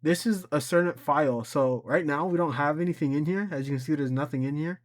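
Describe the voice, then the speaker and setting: Here the male tutorial host sounds slightly high-pitched. He explains software casually and off the cuff, voicing his thoughts while haltingly repeating and amending what he says.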